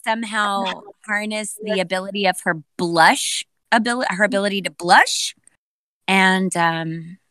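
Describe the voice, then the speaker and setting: A middle-aged woman answering fan questions as a voice actress on a convention panel, pausing often to search for her words. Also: medium pitch, bright, forceful tone, no room sound. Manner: hesitant, searching for words with many ums. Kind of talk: casual panel Q&A.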